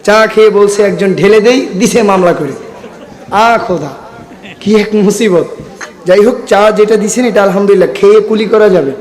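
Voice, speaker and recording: A man's voice: high voice, normal speed, darkish tone. A man from Sylhet, Bangladesh preaching a sermon to a large gathering. He rouses the crowd, calls for their responses and jokes with them, and his throat sounds strained. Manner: jokes with the audience. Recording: long hall reverb.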